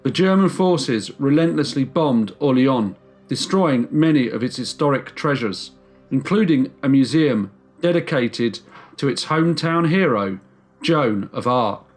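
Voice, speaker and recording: Man narrating a true crime story. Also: mid-range voice. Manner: measured storytelling with slow emphatic stresses. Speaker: true crime channel host.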